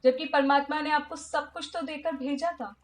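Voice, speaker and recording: A woman teacher guiding an inner-child healing meditation in a soft, emotive way that often drops to a hush. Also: sits high, steady tone, moderate pace. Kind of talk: guided meditation.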